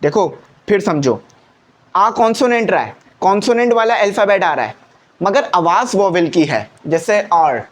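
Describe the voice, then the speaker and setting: A man's voice: high voice, animated, moderate pace. A man teaching a classroom grammar lesson who talks patiently, repeats his key points and keeps asking rhetorical questions.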